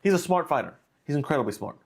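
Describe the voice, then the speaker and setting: A man hosting a live stream rambles casually through fight analysis in a fairly high, animated voice, talking fast with a breathy edge. He's under the weather, sounding nasal and stuffy, and uses plenty of fillers and restarts.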